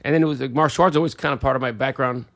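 A middle-aged man in casual chat, telling excitable stories and calling everyone dude. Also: medium pitch, racing, creaky. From United States. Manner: excitable storytelling, says dude a lot.

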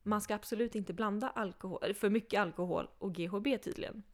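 A young woman, a podcast guest, telling a personal story in a casual, animated way, often laughing and acting out what people said. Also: mid-range voice.

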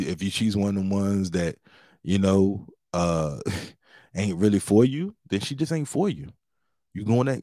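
A man in his forties, a stand-up comedian, hosts a solo podcast, delivering a casual, slangy monologue like a big brother handing out advice. His medium-pitched voice is creaky and dark, recorded at studio quality with no echo.

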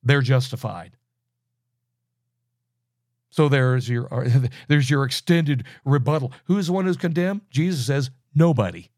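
A man's voice: mid-range voice, measured pace, long pauses, no room sound, studio quality. A man teaching a Bible study in a loose, conversational way, asking rhetorical questions and often restarting his phrases.

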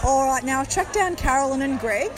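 Out at a busy park event, a podcast host reports and interviews on location, upbeat and chatty as the crowd murmurs in the background. She talks briskly in a high voice with lively intonation, captured in low-quality audio.

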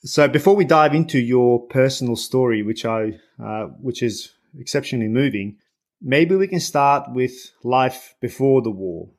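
A podcast host from Bosnia and Herzegovina, a native Bosnian speaker with a medium-pitched voice, reads a measured scripted introduction of his guest. Once the interview turns unscripted, he becomes hesitant, using many fillers.

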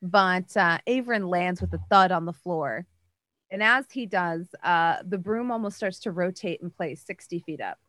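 A woman's voice: on the low side, normal speed, a bit bright, no echo. A woman narrating as game master in a casual way, with many fillers like "like" and "uh". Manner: casual, many likes and uhs.

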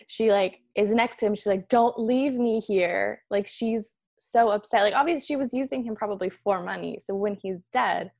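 A young woman co-hosting a podcast in casual chat, relaxed and agreeable. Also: mid-range voice, a little fast, creaky, few pauses. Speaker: podcast co-host.

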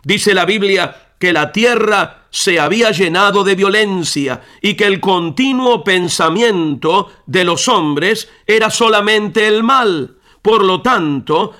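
A man's voice: sits high, takes it slowly, pushed and bright. A male radio preacher telling a story and then speaking directly and earnestly to the listener in a devotional sermon.

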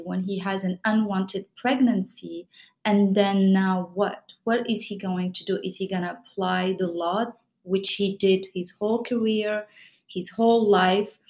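Slow, hesitant woman from Morocco. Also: medium pitch, low-quality recording. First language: Moroccan Arabic or French. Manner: hesitant, many fillers and restarts. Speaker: filmmaker guest. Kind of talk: interview answers.

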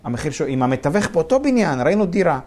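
A man's voice: fairly high pitch, sing-song, darkish tone. A man who is a real estate investor, a guest on an interview show, telling stories animatedly, laughing often and acting out the dialogue. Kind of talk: casual storytelling interview.

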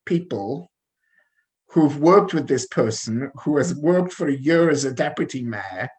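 Casting: male co-host from the Welsh Valleys with that South Wales accent, mid pitch, informal, hesitant, chatty news discussion. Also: expressive, a little slow, darkish tone.

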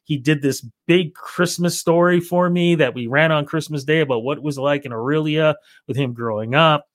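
Animated middle-aged Canadian radio man. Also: a little high, moderate pace, no echo, studio quality. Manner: animated storyteller who acts out both sides of remembered phone calls. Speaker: interview guest, radio reporter. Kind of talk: casual storytelling in an interview.

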